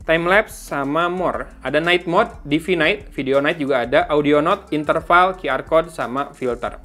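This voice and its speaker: A man with a bright, high-leaning voice and a forceful tone speaks at a moderate pace while unboxing and reviewing tech informally. He reads specifications aloud and thinks through them as he goes, over faint background music.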